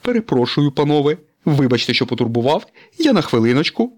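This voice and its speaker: A man voicing a boastful male tow truck daredevil in a storybook reading, in a high squealing voice with brash exclamations. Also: very animated, brisk. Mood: apologetic. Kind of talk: storybook character voice.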